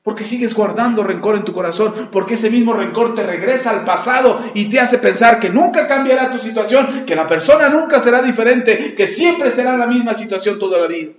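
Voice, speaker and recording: A man preaching a sermon as pastor, acting out quoted complaints in lively voices. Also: high voice, brisk, few pauses. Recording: echoey, muffled lo-fi room recording.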